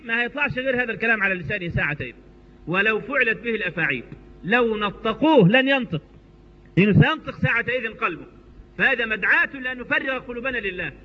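A man with an Egyptian accent preaching a sermon, animated and storytelling, with asides to the listeners, in a muffled recording with long hall reverb. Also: very high-pitched. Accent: Egyptian Arabic.

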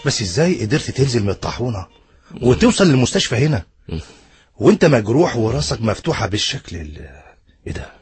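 A man's voice: medium pitch, big pitch swings, quick pace, darkish tone, slightly rough, no room sound, soft background music. A man with an Egyptian accent playing an earnest, respectful doctor full of amazement in a religious drama. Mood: amazed. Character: astonished, careful, respectful male doctor.

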